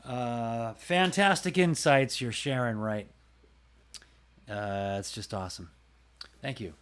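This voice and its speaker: A man's voice: medium pitch, slow pace, a bit bright, smooth. A man hosting his own livestream, chatting casually and a bit rambling, talking to viewers by name about his voice work. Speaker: livestream host and voice actor. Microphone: close desk mic.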